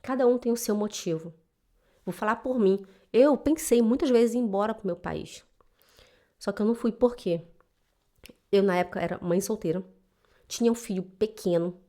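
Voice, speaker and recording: A woman who teaches German, telling a personal story to the camera in an emotional, animated way and often adding "né?" to her sentences. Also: mid-range voice. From Brazil (Belém do Pará). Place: lives in German-speaking Switzerland.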